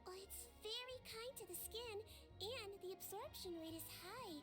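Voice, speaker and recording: A poised, refined beauty association leader in a video game. She speaks in a measured, authoritative way, judging products like a seasoned critic. Game music plays clearly behind her. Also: extremely high pitch. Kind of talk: video game character dialogue.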